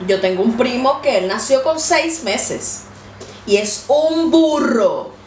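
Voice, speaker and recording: High-voiced Venezuelan woman, teasing quips. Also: very animated, slow, a little mellow, distant mic. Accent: Venezuelan Spanish. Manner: slangy and teasing, often in dry short quips. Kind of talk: casual chat. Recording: echoey room with faint noise.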